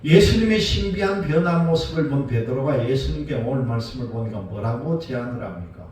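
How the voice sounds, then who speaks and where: A man's voice: medium pitch, animated, fairly quick, a little mellow, a little hiss or hum. A male pastor delivering a Sunday sermon, retelling scripture and asking the congregation rhetorical questions. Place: church sanctuary. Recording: very echoey room, voice from a distance, faint ambience.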